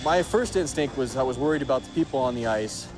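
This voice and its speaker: A man's voice: medium pitch, lively intonation, quick pace, rough recording. A man casually looking back on events in an interview. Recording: music laid under interview.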